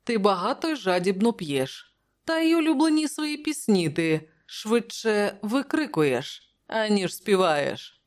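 A narrator reading an audiobook voices a cheerful young nobleman with a light, teasing tone, pitched higher than the narration. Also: lively intonation, a little slow, lightly acted. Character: cheerful young nobleman friend of the king, man.

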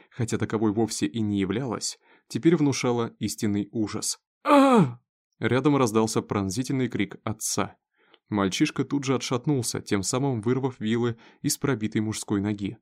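A man reading a dramatic story aloud in a steady narrating voice. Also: medium pitch, normal speed. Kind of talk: scripted audiobook narration.

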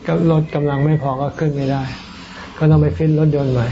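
Calm monk answering questions. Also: male voice, a little high, fast talker. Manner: calm, patient explaining with repeated words. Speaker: Buddhist monk teacher. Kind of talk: question and answer dharma talk. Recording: dull audio with audible background noise.

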